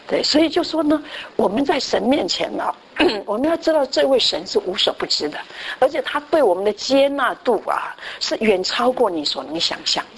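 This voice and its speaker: A woman's voice: mid-range voice, a little hiss or hum. A woman preacher delivering a conversational sermon that tells a story, with frequent restarts and tag questions.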